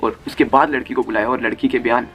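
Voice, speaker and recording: A young man delivers a fired-up vlog rant at an ordinary, mid-range pitch, swearing often and hammering his points home. A little music plays faintly underneath. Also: fairly even intonation, quick pace, a bit bright. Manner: heated and crude, swears freely. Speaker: YouTube commentator. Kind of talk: ranting commentary.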